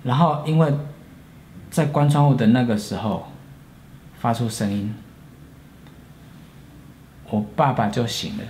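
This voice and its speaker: A man in his forties with a Taiwanese Mandarin accent, earnestly recounting a personal story with pauses and restarts. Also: mid-range voice, a little mellow, slight background noise. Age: 40s. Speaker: storyteller, channel host.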